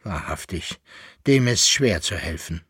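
A man's voice: deep voice, lively intonation, unhurried, fairly bright tone, slightly rough, no echo, studio quality, heavily acted. A man voicing a weak, dying old man giving his last instructions in a storybook reading. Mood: weary.

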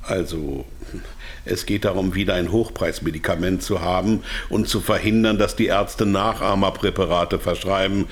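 A man with a low, steady voice speaks at normal speed in a lightly acted German radio drama role. He plays an evasive yet candid company insider, explaining matters in a hedging, hesitant manner.

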